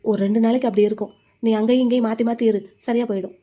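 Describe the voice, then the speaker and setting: Cartoon young man, gentle and soothing, husky and very quick; a woman voices him. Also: mid-range voice, steady tone, voice pushed down, close to an everyday voice.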